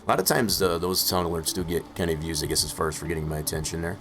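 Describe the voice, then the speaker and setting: A man streaming live in casual chat, rambling with many fillers and hoarse from losing his voice. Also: low-pitched, rapid-fire, fairly bright tone. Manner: rambling, full of "uh" and "I guess, as far as" fillers. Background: faint music playing in the background.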